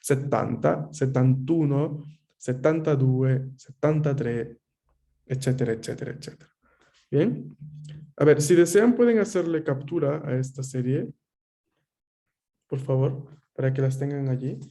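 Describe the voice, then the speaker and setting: A man's voice: medium pitch, measured pace, vocal fry, warm tone. A man teaching an online language class over a video call, explaining patiently and checking often with his students. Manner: explanatory, frequent checking questions.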